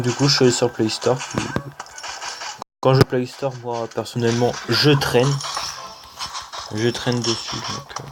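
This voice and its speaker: A man with a French accent commenting casually on a mobile game he is playing, hesitant and full of fillers. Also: mid-range voice. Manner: hesitant, many "euh" fillers, slow and unhurried. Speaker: gaming channel host. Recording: music playing under the voice.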